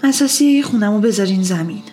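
A woman voicing a bewildered uncle who shouts in anger and stammers when shaken. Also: mid-range voice, lively intonation, soft background music, close to an everyday voice. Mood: angry shouting. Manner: shouting, then shaky and stammering. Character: furious bewildered uncle who returned home, man.

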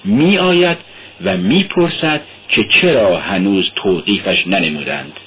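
Male reader as cunning investigator; husky, pitch swinging widely. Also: expressive. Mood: lecturing. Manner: lecturing, then fussing anxiously. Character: sly, talkative male police investigator. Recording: tinny lo-fi radio recording.

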